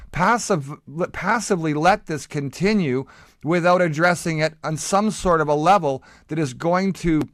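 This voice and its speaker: A man's voice: fairly high pitch, a bit bright, no room sound, studio quality. A man hosting a talk show, arguing bluntly and emphatically, stumbling over repeated words when worked up. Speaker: podcast host. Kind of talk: heated conversational argument.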